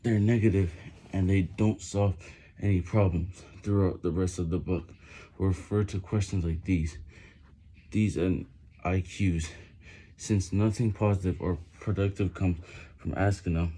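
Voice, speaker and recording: A man's voice: deep voice, steady tone, measured pace, warm tone, slightly rough. A man reading a book aloud while doing push-ups, stumbling over and repeating words under the physical effort. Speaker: vlogger reading on camera.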